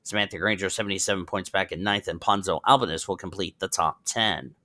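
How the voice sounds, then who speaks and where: A man's voice: deep voice, fairly quick, pushed and bright. A man calling a simulated stock car race as host, checking the standings aloud and correcting himself as he goes, with a bit of a cough. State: coughing, slightly under the weather. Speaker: race commentator. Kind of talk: play-by-play sim racing commentary.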